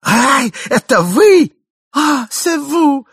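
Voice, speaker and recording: Man doing a gushing, flustered high-voiced lady. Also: very animated, brisk, breathy edge, no room sound, studio quality, heavily acted. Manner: breathless, gushing, exclamatory.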